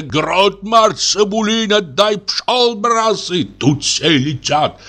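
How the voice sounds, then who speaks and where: Man reading as a deaf old sea captain, pompous, loud and declamatory, slow and drawn out. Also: on the high side, heavily acted.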